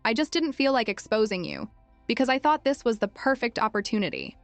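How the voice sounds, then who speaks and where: A woman's voice: fairly high pitch, expressive, fairly quick, no echo, faint music behind. A woman voicing a cold, calculating five-year-old boy who talks with cool, clipped mockery.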